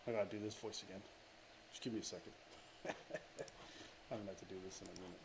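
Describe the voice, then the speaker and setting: Low-voiced male dungeon master narrating. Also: steady tone, fast. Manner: hesitant, many fillers and restarts. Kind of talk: narrating a tabletop game. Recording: clear background noise.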